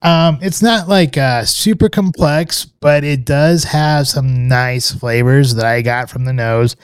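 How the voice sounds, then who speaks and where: A man's voice: medium pitch, takes it slowly, clean tone, dry recording, clean studio sound. A man co-hosting a podcast, giving a casual, rambling review full of fillers and restarts. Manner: relaxed, hesitant, many fillers and restarts. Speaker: podcast co-host reviewing scotch.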